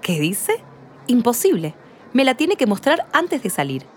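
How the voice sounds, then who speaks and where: A woman's voice: fairly high pitch, huge pitch swings, unhurried, slight background noise. Woman reading as a fussy rule-bound cashier. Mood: insistent. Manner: insistent, grows exasperated and fussy. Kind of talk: read-aloud children's play.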